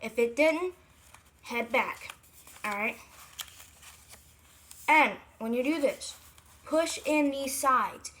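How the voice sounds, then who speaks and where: With long pauses and a slow pace, a video creator gives a casual, rambling craft how-to, backtracking to correct themselves and repeating points to emphasize them. The voice is high, bright, and forceful.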